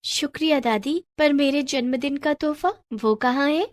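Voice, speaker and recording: A woman voicing a frightened teenage girl in a storybook tale, speaking high and pleading. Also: measured pace, no echo. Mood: eager.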